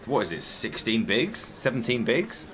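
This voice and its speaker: A man's voice: mid-range voice, sing-song, normal speed, fairly bright tone. A man giving live, casual commentary on a poker tournament as one of the commentators. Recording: crowd murmur behind the voice.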